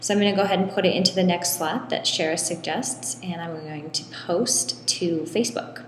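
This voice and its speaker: A woman giving a step-by-step screen tutorial in an echoey room with long reverb, talking in a relaxed way with frequent ums. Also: fairly low pitch, a little fast, a little hiss or hum. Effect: echoey room with long hall-like reverb. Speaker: tutorial presenter.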